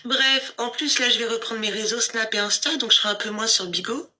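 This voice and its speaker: A woman's voice: a little high, fast talker, sharp tone. A woman livestreaming from her phone, ranting at rivals in a boastful, taunting way. She keeps repeating "you understand?" and drops into scornful mutters and whispers.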